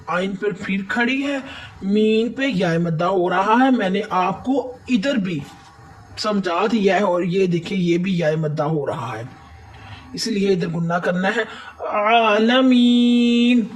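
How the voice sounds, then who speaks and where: Woman patiently explaining recitation rules. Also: mid-range voice. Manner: patient, repeats each rule plainly. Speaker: Quran recitation teacher. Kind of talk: step-by-step recitation lesson.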